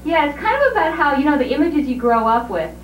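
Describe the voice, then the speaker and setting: A woman in her thirties from Hawaii, a singer-songwriter guest on an interview show, slow and soft-spoken with frequent fillers. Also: sits high, big pitch swings, far from the mic, a little hiss or hum. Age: 30s. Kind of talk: casual interview, then singing. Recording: echoey, phone-like sound with loud guitar.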